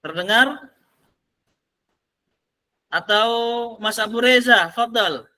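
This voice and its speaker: A man leads an online Arabic lesson, calling on students and praising their answers. His voice sits high and sounds very bright and forceful. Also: slow pace. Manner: asks the class questions and praises answers. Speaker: Arabic teacher. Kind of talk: online class teaching.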